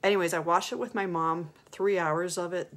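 A middle-aged woman hosting a casual live stream from her phone, excited and upbeat, rambling with fillers. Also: fairly low pitch, moderate pace. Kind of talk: casual Facebook live chat.

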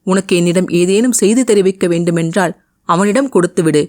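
Woman voicing a steady, reassuring young hero. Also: fairly low pitch, moderate pace, no echo, studio quality, close to an everyday voice. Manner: earnest, reassuring. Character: young man, steady hero, gentle but firm.

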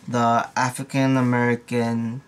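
A man's voice: medium pitch, completely flat delivery, unhurried, clear, resonant tone. A young man and nursing student giving a casual, rambling exam review, full of slang and repeated asides. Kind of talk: casual study review vlog.

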